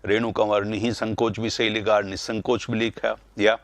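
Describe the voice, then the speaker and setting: A man teaching Hindi grammar in a live online class, calling students by name, repeating words and getting loud when he corrects them. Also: on the low side, normal speed, no room sound. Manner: animated, rising sharply when correcting.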